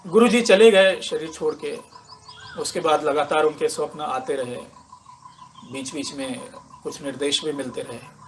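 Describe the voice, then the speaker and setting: A man's voice: fairly high pitch, slight background noise. Emotional man telling a spiritual story. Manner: slow, reflective and emotional, with many pauses and fillers. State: moved to tears at times. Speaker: meditation teacher. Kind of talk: personal spiritual testimony.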